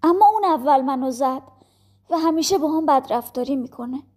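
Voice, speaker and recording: A woman voicing a quiet, serious young orphan girl who answers softly and hesitantly in a storybook reading. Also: sits high, close to an everyday voice. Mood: earnest. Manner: soft, hesitant replies.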